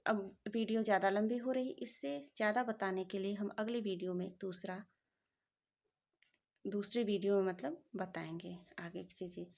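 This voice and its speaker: A woman's voice: mid-range voice, fairly even intonation, normal speed, vocal fry, darkish tone. A woman teaching a Hindi grammar lesson for exam students, explaining step by step and drawing out vowel examples.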